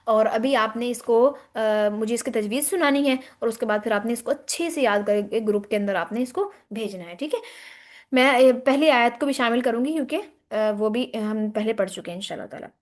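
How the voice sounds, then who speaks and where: A woman leads an online Quran lesson in a high voice. She explains pronunciation rules step by step, demonstrating each sound slowly for her students. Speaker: Quran teacher.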